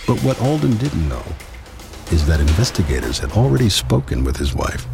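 A man's voice: deep voice, sing-song, moderate pace, gravelly, music in the background. A man narrating a true-crime documentary from a script, as its narrator.

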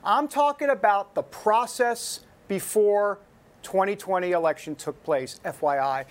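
A man's voice: sits high, a little slow. A man hosting an opinionated political talk show in a punchy, teasing manner, repeating himself and asking rhetorical questions.

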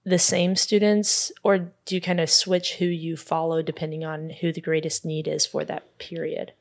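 A woman's voice: low-pitched, level tone, moderate pace. A woman co-hosting an interview, asking curious, friendly questions in a casual tone. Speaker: podcast co-host.

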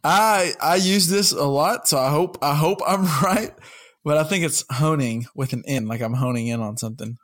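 A man's voice: a little high, normal speed, fairly bright tone. A man co-hosting a casual podcast, joking and reasoning aloud as team captain. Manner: jokey, talks things through aloud. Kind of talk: casual group chat.

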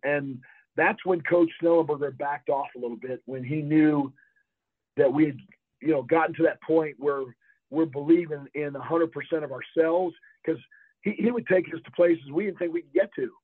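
Over a dry, tinny phone line, an older ex-college football player from Florida spins rambling interview anecdotes and laughs a lot. His fairly high voice moves at a moderate pace, slightly rough, with no room sound.

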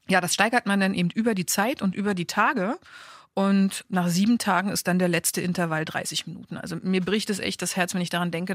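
A woman's voice: fairly low pitch, dry recording, studio quality. A woman in her thirties co-hosting a parenting talk show, explaining earnestly and with emphasis. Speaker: parenting podcast co-host. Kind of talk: casual informative chat.

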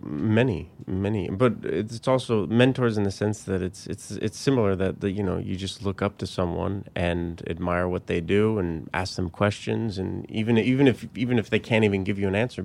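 Super low gravelly guy from colorado, rambly podcast talk, lots of uh and you know. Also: fairly even intonation, a little fast, hardly any pauses, darkish tone. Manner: rambling, reflective, many fillers. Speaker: magician guest. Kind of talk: casual podcast conversation.

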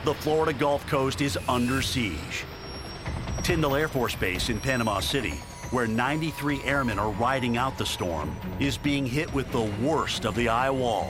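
A man's voice: mid-range voice, expressive, moderate pace. A man giving dramatic scripted narration as the narrator of a documentary. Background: music.

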